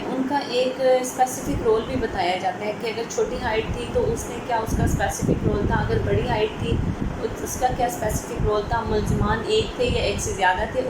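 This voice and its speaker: An advocate with a Pakistani accent teaches law in an informal lecture style, slipping in English terms. Her voice sits fairly high, and the recording is very echoey with clear background noise.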